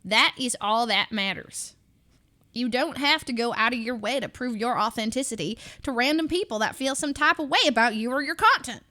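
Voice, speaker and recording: A woman's voice: a little high, normal speed, bright, forceful tone. A woman streamer reading a book aloud with off-hand asides, practising put-on Southern, British and valley girl accents and stumbling over words as she goes. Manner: stumbles and restarts while reading. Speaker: live streamer.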